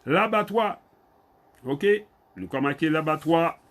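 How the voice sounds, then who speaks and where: A man with a Guadeloupean Creole accent teaching an online Creole lesson. He repeats each word slowly, spells it out letter by letter and calls on his students by name. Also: mid-range voice, expressive.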